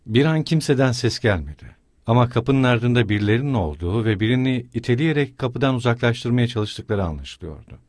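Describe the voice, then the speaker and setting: Male audiobook narrator, lively intonation, dry close sound, measured reading. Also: mid-range voice, dry recording. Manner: measured, expressive literary reading. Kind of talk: scripted narration.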